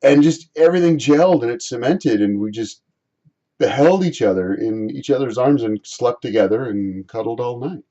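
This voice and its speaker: A man vlogging, rambling through a personal story in a halting way, often repeating and restarting his phrases. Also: medium pitch, expressive, warm tone, highs cut off.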